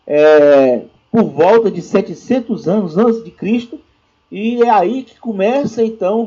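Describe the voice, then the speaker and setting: A man's voice: high-pitched, mellow, slightly rough. A man teaching a lecture class, explaining step by step with frequent restarts and checking questions. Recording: dull lo-fi recording.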